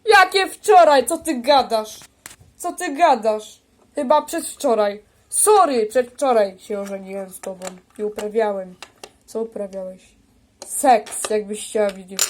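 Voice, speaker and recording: A woman's voice: mid-range voice, a little slow, a little mellow, slight background noise. A woman improvising a toy role-play, voicing several bickering characters in a playful way. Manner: playful, bickering, switches between character voices. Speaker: toy video creator.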